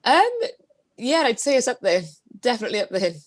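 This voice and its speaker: A woman's voice: on the high side, lively intonation, brisk, no room sound, studio quality. A woman in her twenties with a Welsh Valleys accent, chatting casually and telling anecdotes in an interview on a video call. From Wales, the Valleys. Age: 20s. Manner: informal, anecdotal storytelling. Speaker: guest, DJ. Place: small indoor room at home, video call.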